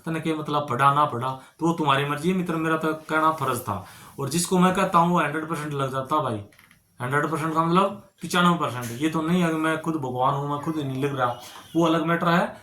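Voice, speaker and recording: A man's voice: fairly high pitch, brisk, bright, forceful tone, reverberant. A male teacher explaining exam reasoning problems, often checking in with his students and calling them brother and friends. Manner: repetitive, keeps checking with "ठीक है ना". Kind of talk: reasoning lesson at a whiteboard.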